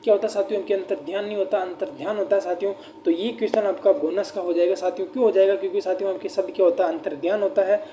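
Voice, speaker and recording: A male teacher, talking students through an exam paper, asking rhetorical questions and slowing down to dictate examples. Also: sits high, warm tone, slight background noise. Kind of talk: exam paper answer walkthrough.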